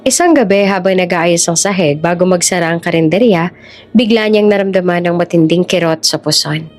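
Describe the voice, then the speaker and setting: A woman narrating a scripted story in an even, measured way. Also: lowish voice, faint music behind.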